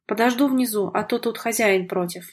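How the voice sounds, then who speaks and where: Cold and cocky young guy read by a woman, offhand and mocking, a bit husky, audiobook. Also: fairly high pitch, moderate pace. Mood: curt. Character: cool, cocky young man. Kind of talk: audiobook dialogue reading.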